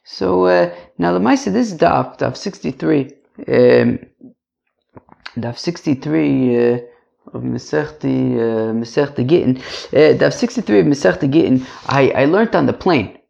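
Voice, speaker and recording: A man's voice: medium pitch, animated, a little slow, gravelly, darkish tone, muffled recording. A man teaching an informal religious lesson to a class, chatty, repeating phrases and checking in with rhetorical questions. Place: indoors.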